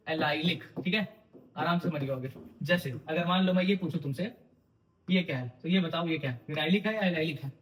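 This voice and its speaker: Bright high-voiced man teaching chemistry. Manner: quizzing, repeating questions to students; teasing, informal. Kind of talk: exam-prep lecture.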